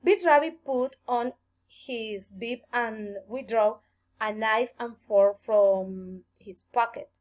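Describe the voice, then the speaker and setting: A woman reading a fairy tale aloud for children, slow, gentle and expressive. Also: on the high side. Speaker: storyteller.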